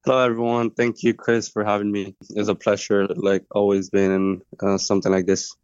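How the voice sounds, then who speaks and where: A young Colombian man whose first language is Spanish speaks as an interview guest, his low voice smooth but flat in tone. He searches for words and restarts often. The recording is dry and somewhat muffled. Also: normal speed, no echo. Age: 20s. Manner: hesitant, many fillers and restarts. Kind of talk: interview conversation.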